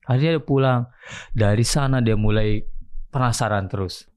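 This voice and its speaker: A man from Indonesia, here as a podcast guest, tells his story loosely and casually in slangy speech. His voice sits at an ordinary middle pitch, and he delivers the telling with lively energy. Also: normal speed, smooth.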